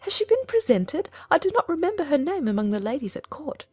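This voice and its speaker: A woman's voice: high-pitched, sing-song, brisk, darkish tone, soft background music, voice pushed up. A woman voicing a gushing, inquisitive middle-aged mother in a dramatized audiobook of a classic novel. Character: nosy, excitable middle-aged matchmaking mother.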